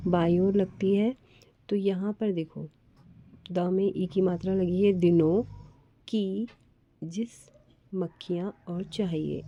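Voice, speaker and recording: A woman's voice: on the low side, mellow, slight background noise. A woman teacher patiently explaining a worksheet to children, spelling out sounds and repeating words. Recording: slightly dull, lo-fi audio.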